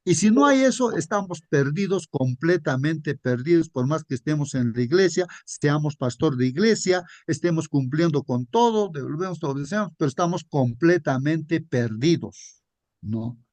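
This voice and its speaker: A man with a fairly high voice delivers a relaxed, story-driven sermon as a Sabbath school teacher. He keeps checking in with his listeners through short tag questions and calls them brothers. The recording is dry and close, with no room echo. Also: moderate pace. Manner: conversational, adds frequent tag questions.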